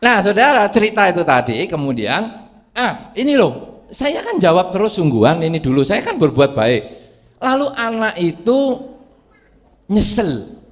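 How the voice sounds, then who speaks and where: A man's voice: sits high, measured pace, pauses often. A man, a Buddhist monk giving a humorous dharma talk, telling stories and acting out their characters. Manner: lively storyteller, acts out characters. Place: large hall with an audience. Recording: long hall reverb.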